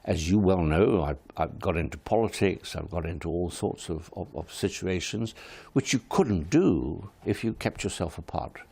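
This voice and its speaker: Speaking in a studio interview, a Kenyan wildlife service head with Swahili as his first language delivers frank, firm and measured statements. His voice is low and gravelly, animated but slightly mellow.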